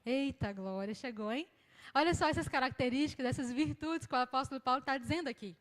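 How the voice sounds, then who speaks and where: A Brazilian woman minister preaching a sermon in a lively, conversational way, acting out the people she quotes. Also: sits high, brisk. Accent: Brazilian Portuguese. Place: church hall. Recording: long hall reverb.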